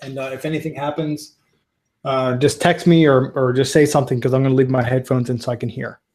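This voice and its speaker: A man's voice: medium pitch, level tone, brisk, a little mellow. Man in his 30s, webinar presenter, casual and earnest, tells rambling stories with many ums. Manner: rambling, earnest, filler-heavy storytelling. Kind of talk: casual online training talk.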